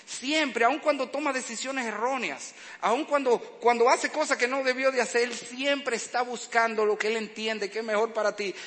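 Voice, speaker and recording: A man's voice: very high-pitched, steady tone, normal speed, hardly any pauses, a bit bright. A man preaching a sermon, telling humorous stories about fatherhood and acting out the sounds and cries he describes. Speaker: preacher, father of young children. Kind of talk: sermon with humorous family anecdotes. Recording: long hall reverb, faint background noise.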